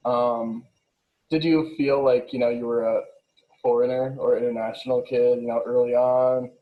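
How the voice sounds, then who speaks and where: A man's voice: mid-range voice, flat delivery, moderate pace, narrow, tinny audio. A young man hosting a casual interview, asking questions in a friendly way with trailing restarts. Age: young adult. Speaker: host.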